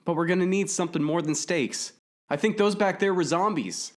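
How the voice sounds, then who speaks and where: A man's voice: fairly low pitch, fairly even intonation, moderate pace, lightly acted. Man doing a spirited girl hunter, Sadie. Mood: excited, gleeful. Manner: eager and spirited. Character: bold spirited young girl monster hunter.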